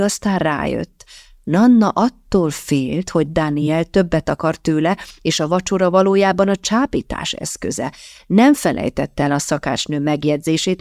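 A woman narrating a novel in a measured, expressive reading. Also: on the low side, no echo, clean studio sound. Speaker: audiobook narrator. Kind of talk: scripted narration.

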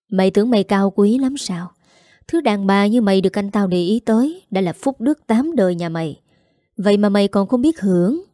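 A woman's voice: mid-range voice, warm tone, no echo, studio quality, lightly acted. A woman voicing a harsh, scornful woman, sneering and scolding. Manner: sneering, scolding, later falsely sweet.

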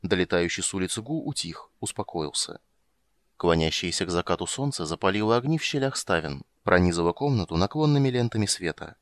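A man narrating a fantasy audiobook in a calm, measured way. His voice is very low and steady. The recording is dry and close. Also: no room sound. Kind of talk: scripted narration.

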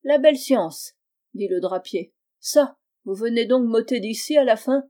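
A frightened, simple cloth merchant locked in a cell, as a woman reads him, pleading and anxious. Her voice stays mellow and warm. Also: on the high side, animated, measured pace. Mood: fretful.

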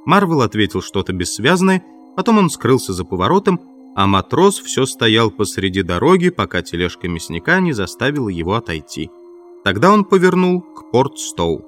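A man narrating a novel as an audiobook in a measured, expressive storytelling manner. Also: medium pitch, soft background music. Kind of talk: scripted literary narration.

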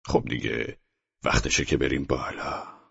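A man's voice: rumbling low, steady tone, vocal fry, a bit bright, slightly rough, no room sound, highs cut off, heavily acted. A man voicing a cruelly sarcastic male neighbor who mocks a helpless captive in an audiobook. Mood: mocking. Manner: sneering and mock-soothing, slow in parts.

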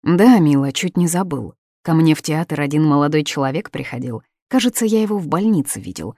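A woman voicing a strict middle-aged father who directs a theater, speaking in a measured, firm way. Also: sits low, expressive, warm tone, no room sound, clean studio sound. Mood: earnest.

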